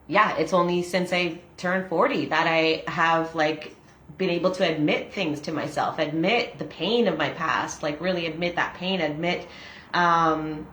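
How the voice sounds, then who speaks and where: A woman's voice: sits low, measured pace, a bit bright, a little hiss or hum. A woman in her forties hosting a casual video, reading a daily meditation aloud and chatting about her own experience with laughs and fillers. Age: 40s. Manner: chatty and self-disclosing, with laughs and frequent fillers. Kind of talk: casual reading with personal reflection. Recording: echoey room.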